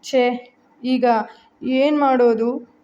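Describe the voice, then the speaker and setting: A woman's voice: high voice, steady tone, very slow, mellow, muffled recording. A woman voicing an anxious young woman who speaks in a worried way. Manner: worried, fretting.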